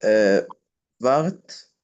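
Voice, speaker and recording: Male student, Egyptian accent, unsure answers, low voice, dull dry recording. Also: expressive, slow, darkish tone, no room sound. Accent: Egyptian Arabic. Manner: hesitant, starts with "aah" before answering.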